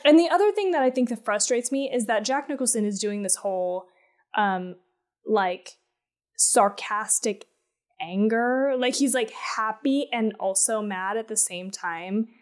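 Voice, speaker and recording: A woman co-hosting a podcast, ranting animatedly in casual chat and swearing heavily. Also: on the high side. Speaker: podcast co-host.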